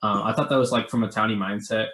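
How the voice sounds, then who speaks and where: A man's voice: on the low side, fairly even intonation, fairly bright tone. A man hesitantly giving his reads in a party game, full of ums and uhs. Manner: halting, many ums and uhs. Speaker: game player. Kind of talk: casual game discussion. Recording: roomy echo.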